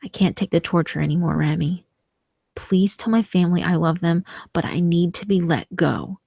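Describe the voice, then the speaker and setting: A woman voicing a tormented, resigned young man trapped in dreams, slow, grave and pleading, in a horror story. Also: on the low side, vocal fry, dark tone, no echo, clean studio sound. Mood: pleading, weary. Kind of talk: scripted horror story dialogue.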